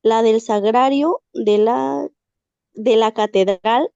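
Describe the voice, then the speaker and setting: Slow, hesitant woman reading aloud over a video call. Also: fairly high pitch, gravelly, dark tone, smooth, dry recording, muffled recording. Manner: hesitant, stumbles and restarts on hard words. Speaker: student reading aloud in class. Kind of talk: halting reading aloud of a literary text.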